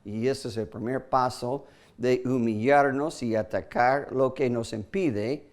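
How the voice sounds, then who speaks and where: A man preaching a sermon at an unhurried, deliberate pace. His pitch sits in the middle, but he throws sudden high emphasis onto key words. He slips into short acted-out apologies and hesitates with fillers. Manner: acts out short quoted apologies.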